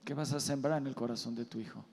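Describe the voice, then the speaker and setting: A man's voice: medium pitch, steady tone, quick pace, darkish tone. A man pastor preaching earnestly, putting direct questions to the parents in the audience. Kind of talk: sermon. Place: large auditorium. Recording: live hall reverb.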